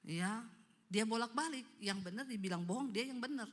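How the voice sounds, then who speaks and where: A woman's voice: fairly high pitch, normal speed, big-room sound. A woman pastor preaching a sermon, telling stories emphatically and calling out to the congregation.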